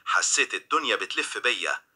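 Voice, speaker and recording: A man's voice: on the low side, very animated, fairly quick, bright, forceful tone, husky. A young man with an Egyptian accent reading a dramatic first-person crime story. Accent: Egyptian Arabic. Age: young adult. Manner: dramatic, tense.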